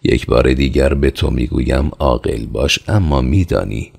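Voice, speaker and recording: A man voicing a callous Cossack commander who talks in a cold, falsely calm and menacing way. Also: a bass voice, creaky, husky, exaggerated voice. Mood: coldly menacing.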